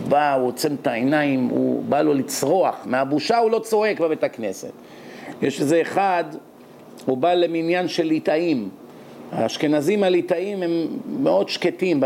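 A man preaching a sermon, telling stories and quoting scripture in a lively, dramatic way. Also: a little high, gravelly, a little hiss or hum. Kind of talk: sermon with storytelling.

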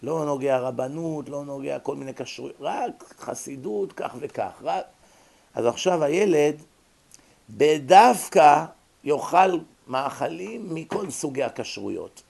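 A man's voice: fairly high pitch, lively intonation, creaky, darkish tone. A man lecturing on psychology to an audience, explaining with examples and rhetorical questions.

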